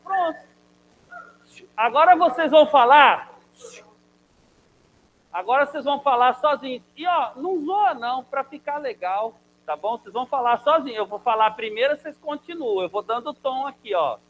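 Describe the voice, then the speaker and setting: A man's voice: very high-pitched, expressive, normal speed, fairly bright tone, a little hiss or hum, rough recording. A man teaching a chemistry class in Brazilian Portuguese, energetically drilling students through a chanted mnemonic. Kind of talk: classroom lesson.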